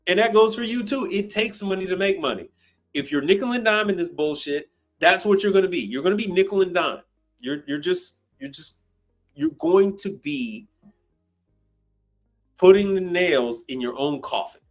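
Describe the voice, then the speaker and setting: Hosting an unscripted livestream to answer viewer questions, a commercial appliance service tech in his fifties speaks expressively at a moderate pace. His voice sits high, faint music runs behind him, and he's blunt and emphatic, often repeating phrases and swearing.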